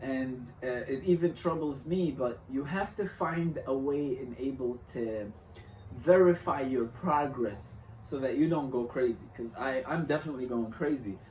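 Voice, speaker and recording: A young man from Syria talking through a reflective motivational vlog, halting and restarting often as he thinks aloud. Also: medium pitch, darkish tone, far from the mic, slight background noise. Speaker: vlogger. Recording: roomy echo, off-mic, faint ambience.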